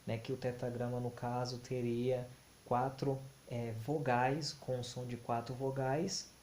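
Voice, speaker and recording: A man teaching about Hebrew grammar, speaking haltingly with many fillers and restarts. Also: mid-range voice. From Brazil. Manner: slow, deliberate, flat delivery. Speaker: Bible teacher. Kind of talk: explanatory talk on Hebrew grammar. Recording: echoey room with faint hiss.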